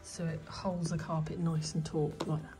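A British woman who makes DIY vlogs speaks in a low-ish, dark voice with little pitch movement, at a moderate pace, chatting and thinking aloud as she works. She's filming her hands on a handheld phone or camera in the hallway and staircase of her home for a casual hands-on tutorial. Soft music plays behind her, and the recording quality is low.

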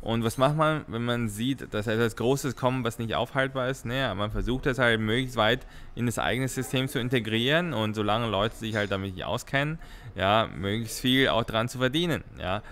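A man's voice: mid-range voice, moderate pace, fairly bright tone, a little hiss or hum. A man giving casual news commentary as a streamer, rambling with many fillers, restarts and tag questions.

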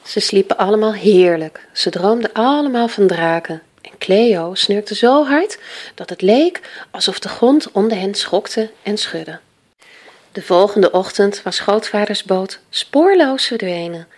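A woman reading a children's picture book aloud in a lively, expressive way. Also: medium pitch, unhurried. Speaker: storyteller.

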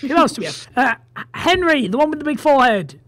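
A man's voice: extremely high pitch, sing-song, fast, fairly bright tone. A young man hosting a casual group podcast over a voice call from his bedroom, his voice muffled because he is recording under a blanket. He rambles, mocks himself and laughs often. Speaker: podcast host.

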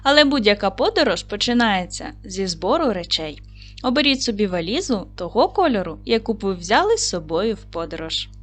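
Young woman, kind primary teacher, sing-song animated delivery, slow careful dictation, faint music underneath. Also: medium pitch. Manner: slow, clear dictation with stressed syllables; gentle, encouraging address to children. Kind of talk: online video lesson for children.

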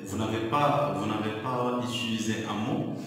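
A man's voice: lowish voice, steady tone, moderate pace, fairly bright tone, a little hiss or hum. A male teacher explaining a lesson to middle-school pupils, patient and repetitive, with many hesitations. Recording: echoey room, voice far from the mic.

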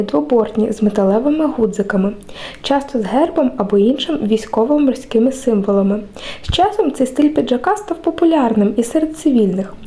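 Female presenter, scripted lesson read evenly, higher voice, warm mellow tone. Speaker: student presenter.

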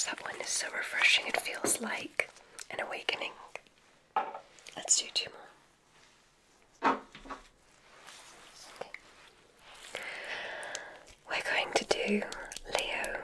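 In an ASMR roleplay, a woman plays an encouraging witch examiner at a magic school, whispering breathily in a slow, soothing, gently enthusiastic way with deliberate pauses. The performance is lightly acted and the audio is poor.

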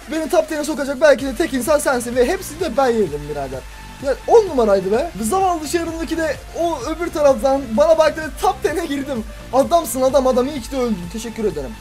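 A man commentating his own gameplay for a video, talking to himself and crying out at what happens on screen. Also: very high-pitched. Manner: excitable, talks to himself and cries out at the game. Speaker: gaming YouTuber. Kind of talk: let's-play commentary.

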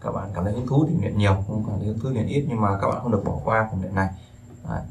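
A man with a somewhat low voice talks through a language lesson in a loose, conversational way. He rambles and circles back, filling pauses with small hesitations, over a faint hiss of background noise. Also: creaky. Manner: relaxed, rambling, with frequent fillers and repetitions. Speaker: Chinese teacher. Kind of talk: casual explanatory lesson.

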